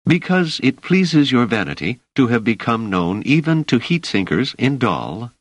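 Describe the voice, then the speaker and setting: A man voicing a sharp, protective woman who questions everything. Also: medium pitch, big pitch swings, no room sound, pitched above the performer's own voice. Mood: skeptical. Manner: skeptical, brisk.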